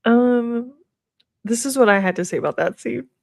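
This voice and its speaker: A woman's voice: a little high, normal speed, vocal fry, darkish tone, dry recording, clean studio sound. A woman co-hosting a book club chat, laughing often and reading from her notes. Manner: giggly, reads from her notes. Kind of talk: casual chat.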